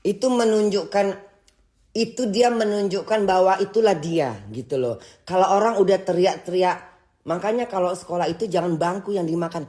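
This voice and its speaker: A woman rants to her livestream audience in a scolding tone. Her speech is halting: she breaks off words and starts them again as she goes. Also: mid-range voice, mellow. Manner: halting and scolding, with many restarts. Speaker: livestream host. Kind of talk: casual livestream rant.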